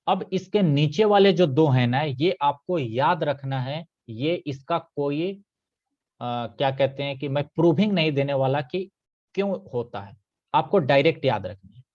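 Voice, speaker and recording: Male teacher, live online chemistry lesson, patient, repeats points, fairly high voice, muffled lo-fi audio. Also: a little mellow. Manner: patient, repeats key points with checking questions.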